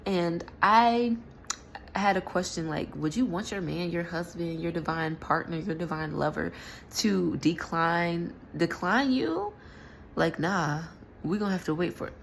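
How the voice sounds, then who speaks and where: A young woman telling a story in a casual vlog, slangy and animated, often laughing and leaping up high when she exclaims. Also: measured pace, vocal fry, a little hiss or hum. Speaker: vlogger.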